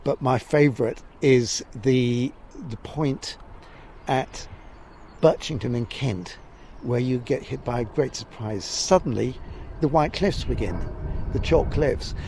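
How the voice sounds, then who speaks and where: Male walking guide, southern English, creaky voice, halting unscripted interview delivery, faint outdoor noise behind. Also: mid-range voice. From Essex, England. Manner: hesitant, discursive, stop-start. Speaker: walking guide and festival guest. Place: outdoors near a creek by the estuary. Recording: steady background noise, outdoors.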